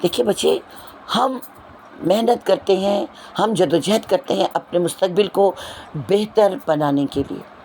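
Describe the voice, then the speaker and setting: Addressing her students, a woman who teaches Urdu works through a poem, lecturing earnestly and returning repeatedly to rhetorical questions. She has a medium-pitched, darkish voice, with a little noise in the background.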